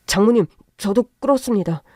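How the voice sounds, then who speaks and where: A woman's voice: mid-range voice, animated, a little fast, dark tone, no room sound, studio quality, natural voice. A woman voicing a sly young husband who talks in a fawning, ingratiating, pleading way in a narrated story. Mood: wheedling. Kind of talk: narrated story with acted voices.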